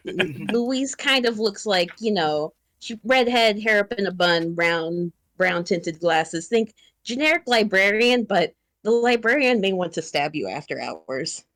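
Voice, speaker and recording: A woman's voice: medium pitch, lively intonation, unhurried, fairly bright tone. A woman playing in a tabletop roleplaying game, heard through an online group voice chat on a cheap laptop mic whose volume sometimes dips. She talks in an easygoing, joking way. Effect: online group voice chat, cheap laptop mic with dipping volume. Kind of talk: casual game chat over voice call. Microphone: laptop microphone.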